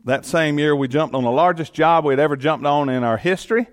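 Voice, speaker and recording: A middle-aged county commission chairman with a Georgia accent gives an earnest, folksy personal testimony. His voice is fairly high-pitched and fairly quick, with a Southern US sound.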